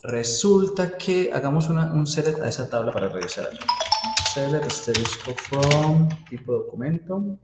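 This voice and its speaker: A man's voice: on the high side, expressive, normal speed, loud music behind the voice. A man teaching a university database class, walking students through code step by step and checking in with them often. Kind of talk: live coding class lecture. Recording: echoey room, faint keyboard typing.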